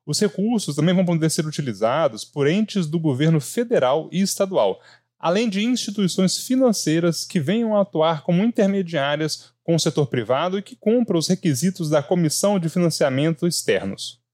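A man co-hosting a news podcast, reading scripted news with relaxed, chatty asides to listeners. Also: on the high side, a little fast, dry recording, studio quality.

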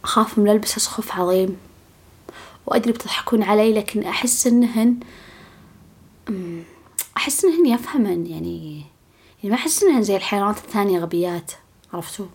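A woman's voice: medium pitch, expressive, quick pace, long pauses, breathy edge. A woman with a Saudi Gulf accent telling a casual story to her viewers. She talks in a chatty way, repeats herself often and sometimes drops to a whisper. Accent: Saudi Gulf Arabic. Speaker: vlogger.

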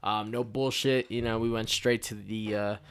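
Guy co-hosting a podcast, kinda gravelly, rambly and laid back. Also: lowish voice, fairly even intonation, normal speed. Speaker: podcast co-host. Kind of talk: casual chat.

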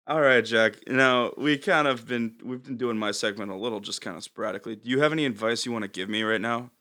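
A man's voice: mid-range voice, pushed and bright. A man co-hosting a comedy podcast, chatting casually and joking with frequent laughs. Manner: joking, laughs often, quick asides. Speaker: podcast co-host.

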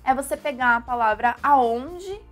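A young Brazilian woman with a Brazilian Portuguese accent, an English teacher giving a lively, animated video lesson. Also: high-pitched, unhurried, faint music behind.

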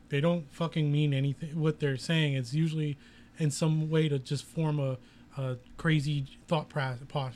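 A man's voice: fairly high pitch, slight background noise. Rambling, swearing young-sounding man. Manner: rambling, profane, hesitant restarts. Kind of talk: casual chat.

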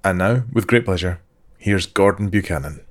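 A man hosting an interview podcast, reading a measured scripted introduction and asking questions. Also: low voice, loud music behind the voice. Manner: measured, reads sponsor details slowly and clearly. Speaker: podcast host.

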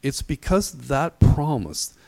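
A middle-aged man preaching in a conversational way, telling personal stories with halting, self-deprecating delivery. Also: medium pitch, sing-song, vocal fry, a little mellow, soft background music. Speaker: pastor giving a sermon. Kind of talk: conversational sermon with personal anecdotes.

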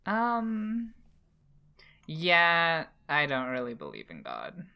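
A woman's voice: sits low, wildly swooping pitch, takes it slowly, vocal fry, pushed and bright. A woman chatting casually as a player in a dating guessing game, with a playful, giggly manner. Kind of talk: casual game chat in character.

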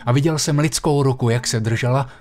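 A man at mid pitch delivers a sermon as a vivid personal story. He talks emphatically and leans into key phrases by slowing down. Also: a little mellow. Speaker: preacher.

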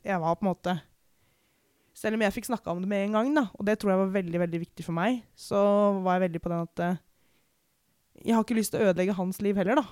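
A young woman from Norway giving a candid, reflective personal account in conversation, pausing and restarting often. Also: mid-range voice, darkish tone, clean tone, no room sound, clean studio sound. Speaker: podcast guest.

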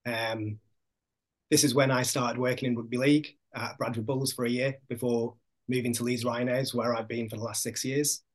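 A man with a Hull accent giving measured, explanatory answers as a guest in an interview. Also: mid-range voice, little pitch movement. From Hull, Yorkshire, England. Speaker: podcast guest, sports doctor.

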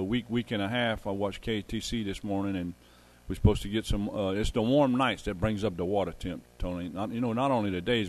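A man's voice: fairly low pitch, darkish tone. A man, chatting casually and in a folksy way as co-host of a local radio show. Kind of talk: casual fishing report chat. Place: radio studio.

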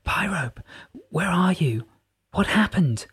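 A young woman whose voice sits noticeably higher than the narration, earnest and full of questions, as a narrator plays her. Her tone carries a slightly breathy edge. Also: animated, takes it slowly, exaggerated voice. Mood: urgent.

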